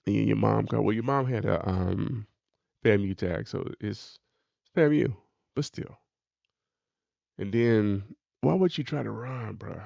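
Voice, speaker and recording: A man's voice: fairly low pitch, a little slow, creaky, mellow, no echo, lo-fi sound. A man giving casual, colloquial reaction commentary in an exasperated, preachy way.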